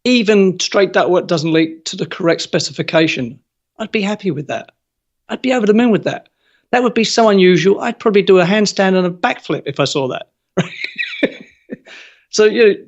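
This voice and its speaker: A man talking as a guest in a casual interview, lively and opinionated, full of colorful comparisons. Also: sits high, vocal fry, muffled recording.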